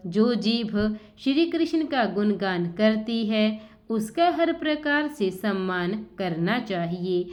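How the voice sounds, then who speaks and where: A woman slowly reading out a devotional scripture story in an even, recited manner. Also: mid-range voice. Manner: slow, even recitation of sacred text. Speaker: scripture reader.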